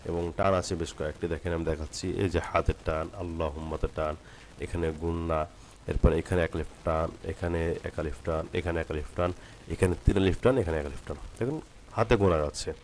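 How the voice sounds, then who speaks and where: A man teaching Quran recitation. He reads phrases slowly and drawn out, then explains the rules quickly. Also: sits low, darkish tone, slight background noise. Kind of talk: tajweed lesson.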